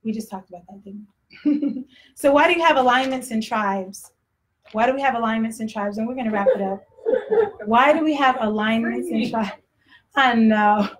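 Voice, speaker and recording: A woman's voice: on the high side, normal speed, long pauses, slight background noise. A woman with a Texas accent preaching a sermon in a blunt, conversational way, often laughing. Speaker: pastor.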